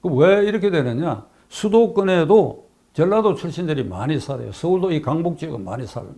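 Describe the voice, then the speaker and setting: An older man delivers a political commentary in a fairly high voice. He is emphatic, repeating key phrases for stress and asking rhetorical questions as he goes. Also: lively intonation, a little fast, dark tone.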